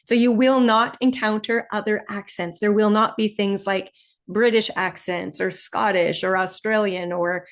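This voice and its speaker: This online test-prep webinar is led by a woman from Canada whose Ontario accent comes through in a mid-range voice with fairly even intonation. She explains in a friendly way, slowing down for key points.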